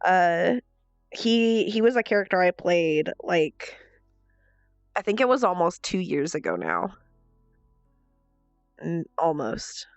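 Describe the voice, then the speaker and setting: A woman livestreamer and role-player chats in a nasal, congested whine, teasing herself playfully and expressively. Her lowish voice is very animated but slow, with long pauses, on a dry lo-fi recording with faint music behind.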